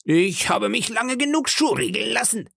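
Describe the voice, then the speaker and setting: A man doing a grumbling pirate crewman, pitched high. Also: lively intonation, moderate pace, creaky, fairly bright tone, slightly rough, dry recording, studio quality, full character voice. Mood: defiant. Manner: defiant, grumbling. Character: rebellious male pirate crewman, resentful. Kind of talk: audiobook reading.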